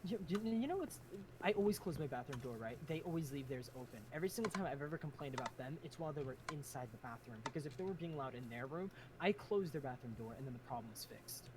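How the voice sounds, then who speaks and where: A woman's voice: rumbling low, expressive, fast, noisy background. A young adult woman streaming from home on a desk mic, chatting in a rambling, laughing way. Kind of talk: casual stream chat. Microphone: desk condenser mic.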